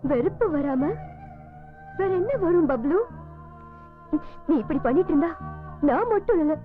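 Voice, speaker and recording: A woman's voice: very high-pitched, animated, unhurried. A woman dubbing a caring but firm single woman in her thirties in film dialogue, speaking emotionally and scolding. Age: 30s. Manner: emotional, scolding then tender. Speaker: dubbing actress. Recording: tinny lo-fi film audio with music score.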